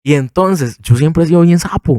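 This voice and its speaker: Animated young man telling his testimony. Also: moderate pace, no echo, clean studio sound. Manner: animated storyteller, quotes others with big pitch jumps. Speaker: podcast co-host. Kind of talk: casual testimony.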